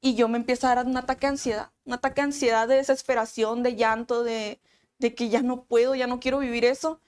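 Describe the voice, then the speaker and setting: A young woman recounts her own story, her voice sitting a little higher than most. She speaks earnestly and haltingly, backing up to restart phrases as she goes. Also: flat delivery, darkish tone, smooth. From Mexico. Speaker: guest. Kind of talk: personal testimony.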